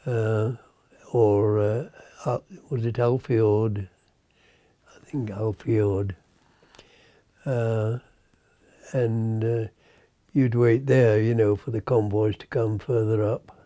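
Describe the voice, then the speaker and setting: A centenarian British man speaks as an old veteran remembering his navy days. His voice is very mellow and dark, and his pace is slow. He halts often, hunting for words and letting phrases trail away, in a dry acoustic. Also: lowish voice, steady tone, no room sound. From Britain. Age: 100. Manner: halting, searching for words, trailing off.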